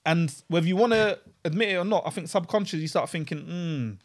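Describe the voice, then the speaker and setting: A man's voice: high voice, quick pace. A young man with a London roadman accent, debating and questioning in slang during a casual podcast discussion. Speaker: podcast participant.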